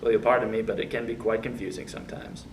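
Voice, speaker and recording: A man's voice: lowish voice, flat delivery, fast. A man playing a mock-formal, over-polite interviewer in a comic sketch. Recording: distant mic with faint hiss.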